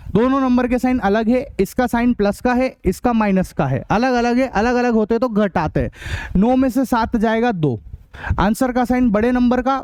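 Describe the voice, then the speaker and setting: A man teaching a math class, drilling rules and quizzing students with quick questions, sometimes blunt and scolding. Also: very high voice, a little mellow, clean tone, no room sound. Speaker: math tutor. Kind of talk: online class lecture.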